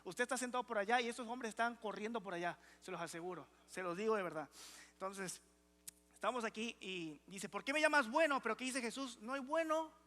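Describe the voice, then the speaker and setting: A man's voice: sits high, a little fast. A male pastor preaching a conversational sermon in a church, keeping the congregation engaged with questions. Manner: lively preaching, asks the congregation for replies. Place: church sanctuary.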